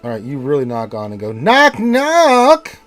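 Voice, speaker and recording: A man's voice: medium pitch, steady tone, rapid-fire, dark tone. A man running a tabletop game as game master, narrating in an easygoing way with frequent laughs.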